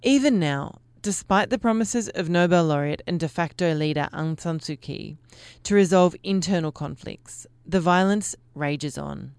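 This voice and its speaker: A woman presenting a radio news program in a measured, formal way. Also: on the low side, a little mellow, clean tone, no room sound.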